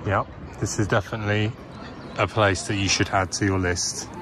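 A man with a fairly low voice and fairly even intonation chats enthusiastically at a moderate pace, filming himself beside lakes and behind the wheel. This travel and car vlogger narrates casually, full of fillers and restarts, into a handheld camera held at arm's length, with loud outdoor and car noise in the recording.

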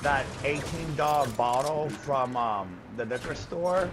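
A man's voice: medium pitch, measured pace, fairly bright tone. A man playing a video game with a friend, talking casual trash with cocky, profane slang. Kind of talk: casual gaming trash talk.

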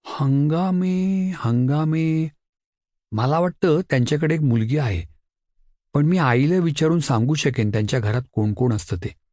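Brief: man voicing a bright mischievous schoolboy, lively and high. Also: unhurried, no room sound, studio quality, natural voice. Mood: curious. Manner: bright, pleading, chatty. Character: mischievous helpful schoolboy, eager and quick-witted.

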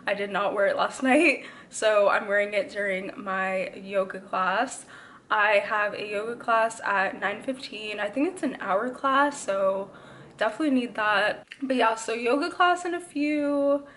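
A woman's voice: mid-range voice, a little slow, a bit bright, slight background noise. A young woman vlogging casually about her weekend, talking with a slight lisp from her retainer. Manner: chatty, says y'all and like often. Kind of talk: casual vlog chat.

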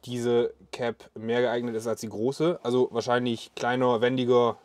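Relaxed man asking questions. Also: mid-range voice, normal speed, dry recording. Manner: relaxed, asks with hesitations "äh", "ähm". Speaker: video host interviewing. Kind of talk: casual interview questions. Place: inside a small pickup camper cabin.

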